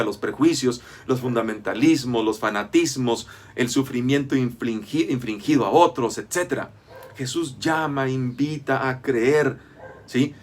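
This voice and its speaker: A man's voice: medium pitch, slight background noise. Man teaching a Bible study. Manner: explanatory, checks in with frequent "¿sí?" and "¿ok?"; lists many items one after another.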